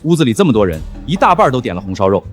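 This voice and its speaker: A man's voice: mid-range voice, big pitch swings, racing, faint music behind, close to an everyday voice. A man playing a firm, composed restaurant worker with a matter-of-fact manner in a short drama.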